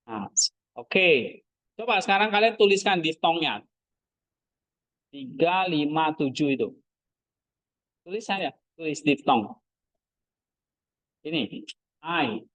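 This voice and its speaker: Male teacher, classroom lesson, slow deliberate delivery, dry close sound. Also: fairly high pitch, expressive, a bit bright, no echo, rough recording. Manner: quizzing students with short questions. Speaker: Greek language teacher.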